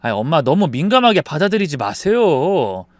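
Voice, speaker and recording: A man voices a whiny, dismissive adult son brushing off his mother, opening his lines with a sighing "ah." His fairly high voice is very animated, at a normal speed, with no echo.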